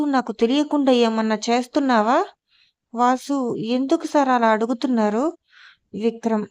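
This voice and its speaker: A woman narrating a serialized novel, reading dialogue and narration aloud in a plain, even way. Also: on the high side, no room sound. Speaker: storyteller. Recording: dull lo-fi, dry close mic.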